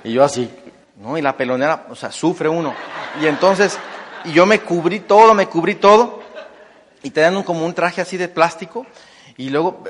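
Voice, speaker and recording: Middle-aged Mexican man, motivational speaker, animated storyteller with a slightly high voice, heard with reverb in a big hall. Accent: Mexican Spanish. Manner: animated, enthusiastic storyteller, many fillers and rhetorical "¿no?". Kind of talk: storytelling talk to an audience.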